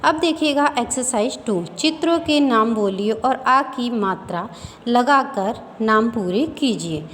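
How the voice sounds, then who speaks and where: A woman teaching a reading lesson to young children, sounding out syllables slowly and repeating each word. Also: a little high, expressive, fairly bright tone. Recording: faint background noise, long reverb.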